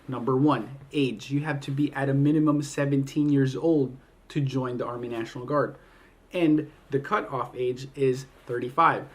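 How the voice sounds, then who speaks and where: A man in his thirties from the Philippines, an army recruiter explaining requirements point by point in a clear, methodical way. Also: mid-range voice. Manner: clear, methodical, list-by-list delivery. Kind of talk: informational video explainer.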